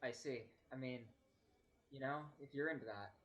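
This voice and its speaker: A man's voice: medium pitch, moderate pace, fairly bright tone, lo-fi sound. A man playing his character in a tabletop game, with wry, joking and crude banter. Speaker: player. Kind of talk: in-character tabletop role-play.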